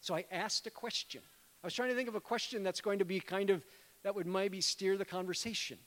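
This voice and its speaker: Middle-aged male preacher, high voice, conversational sermon, long church reverb. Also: fairly even intonation, a little fast. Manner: conversational, addresses congregation as friends. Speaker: guest preacher, missionary. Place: church sanctuary.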